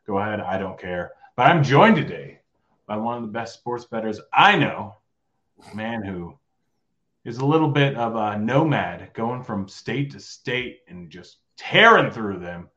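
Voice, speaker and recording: A man's voice: on the low side, expressive, bright, forceful tone, muffled recording. A man hosting a live sports betting show, chatting casually and running through his picks. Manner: casual, joking, quick rundown of picks. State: voice going hoarse.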